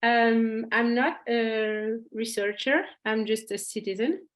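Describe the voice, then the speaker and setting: Woman on a video call, slow and hesitant, fairly high voice, pretty flat. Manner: hesitant, many pauses. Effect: heard over a video call. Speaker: citizen participant. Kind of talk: commenting in an online discussion.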